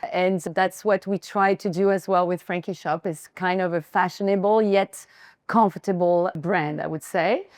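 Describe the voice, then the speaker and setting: A woman with a French accent, founder of a fashion brand, giving a chatty, slightly halting welcome speech to guests at her shop event. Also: lowish voice, fairly even intonation, a little mellow, dry recording, clean studio sound. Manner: chatty, self-deprecating, searching for words. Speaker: brand founder hosting a styling session.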